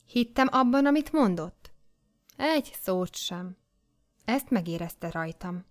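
A woman reading a memoir aloud as an audiobook, with measured and expressive storytelling. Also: medium pitch. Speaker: audiobook reader. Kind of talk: scripted memoir narration.

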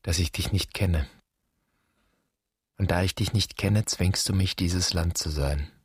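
A very low, husky voice, breathy and rough, voices a wounded son seeking his absent father in a literary radio drama. He speaks a little slowly, with a solemn, poetic and exaggerated delivery. The recording is close and dry.

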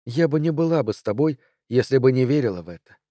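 A man voicing a tender young woman, the hero's lover, in a soft hushed tone. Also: medium pitch, lively intonation, fast talker, no room sound, clean studio sound, lightly acted.

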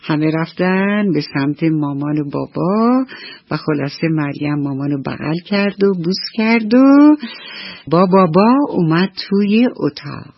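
A woman storyteller narrating a children's bedtime story on the radio in an expressive, storytelling manner. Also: low-pitched, no room sound. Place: radio studio. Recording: dull dry old radio recording.

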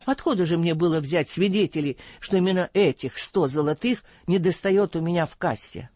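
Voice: medium pitch, moderate pace, a little mellow, no room sound, dull audio, close to an everyday voice. A reader voicing a frightened, scheming older merchant who pleads and wails in an audiobook. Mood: pleading. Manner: wailing, pleading.

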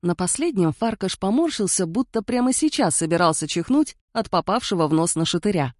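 A woman narrating an audiobook with an expressive reading. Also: medium pitch, fairly quick, no room sound, clean studio sound. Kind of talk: scripted narration.

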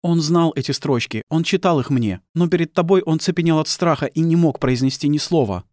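Man doing a cold bitter wife, grieving mother, icy and accusing, raised pitch, dry close sound. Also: a little fast, darkish tone, no room sound, natural voice.

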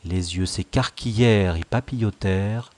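A man reading a classic novel aloud as an audiobook narrator, measured and expressive. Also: lowish voice. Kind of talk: scripted narration.

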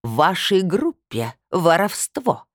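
A woman voicing a loud, indignant accusing woman. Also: low voice, sing-song, normal speed, dry recording, clean studio sound. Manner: shouting, indignant. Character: indignant, shrill woman official, quick to accuse.

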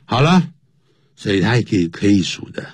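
In a sing-song, husky voice, a man teaches English, going slowly and spelling each word letter by letter while his pitch jumps high on the key points. The recording is dry.

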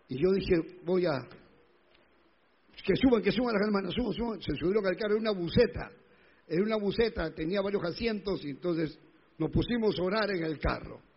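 A male pastor telling a personal testimony in a sermon, emotional and rising to loud pleading. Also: high voice, husky, highs cut off.

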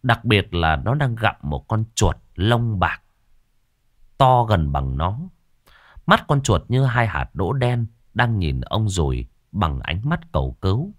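A man narrating a ghost story in a dramatic, expressive storytelling manner. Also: on the low side, slow, no echo, studio quality.

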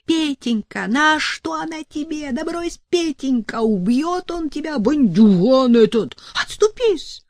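Истеричную пожилую мать, которая тоненько голосит и причитает. Голос взлетает очень высоко и тянется медленно. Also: female voice, expressive, measured pace, few pauses, a little mellow, dry recording. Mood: lamenting. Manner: wails and laments in a high cry. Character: shrill wailing older mother, hysterical.

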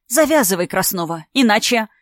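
A woman's voice: mid-range voice, expressive, brisk, no echo, clean studio sound, natural voice. A woman reading a storybook part, voicing a spiteful, mocking woman in her thirties who is about to marry, with a raised, sarcastic voice. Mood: taunting. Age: 30s. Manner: sneering, sarcastic, theatrical.

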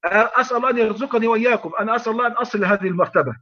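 A man's voice: very high-pitched, rapid-fire, highs cut off. A man with an Egyptian accent teaching as a sheikh in an online lecture, speaking emphatically with repeated phrases and rhetorical questions. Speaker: sheikh teaching Quran readings.

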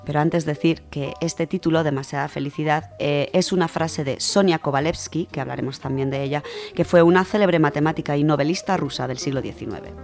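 A woman with a Spanish accent and a low voice speaks a little fast and enthusiastically as a radio contributor in a conversational book segment, with music playing under her voice.

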